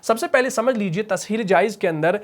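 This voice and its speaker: A man's voice: high voice, expressive. A man teaching a Quran recitation lesson, explaining step by step and asking and answering his own questions. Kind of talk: tajweed lesson.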